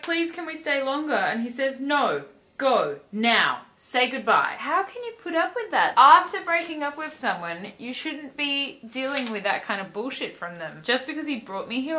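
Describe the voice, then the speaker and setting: A woman's voice: fairly high pitch, bright, forceful tone. A young woman vlogger reading a novel aloud and breaking in with sardonic, exasperated asides. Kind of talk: reading aloud with sarcastic commentary.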